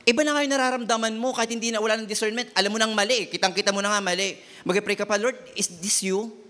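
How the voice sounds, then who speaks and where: A man's voice: sits high, steady tone, racing, bright, forceful tone. A man preaching a sermon, mixing Tagalog and English and acting out the voices he quotes.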